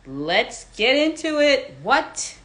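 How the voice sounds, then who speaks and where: A woman in her fifties hosts a live audio room, reading out listener comments and emphatically repeating her questions to the crowd in a live audience chat. Her voice sits high and is very animated, with a slow pace and a fairly bright tone.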